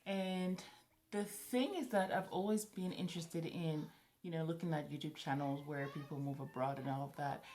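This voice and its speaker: A woman's voice: low-pitched, moderate pace, dark tone, slight background noise. A woman in her thirties, raised in Morocco and a native French speaker, chatting casually to camera as a vlogger and thinking aloud with restarts.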